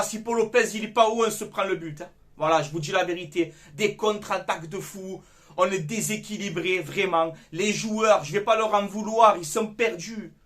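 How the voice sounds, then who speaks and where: High-voiced man ranting about football. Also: fairly bright tone. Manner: heated, ranting, swears freely. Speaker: football fan commentator. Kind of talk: casual angry football debrief.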